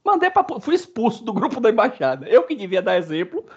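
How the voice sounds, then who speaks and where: A man's voice: very high voice, wildly swooping pitch, quick pace, breathy edge, dull audio. A man chatting casually on a fan podcast, telling a story in slangy, swear-laden speech. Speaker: podcast co-host, football fan. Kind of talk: casual chat.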